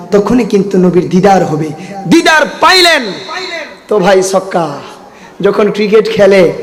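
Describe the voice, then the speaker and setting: A man's voice: high voice, a little mellow. A man from Sylhet, Bangladesh preaching a sermon to a large gathering. He rouses the crowd, calls for their responses and jokes with them, and his throat sounds strained. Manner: jokes with the audience. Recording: long hall reverb.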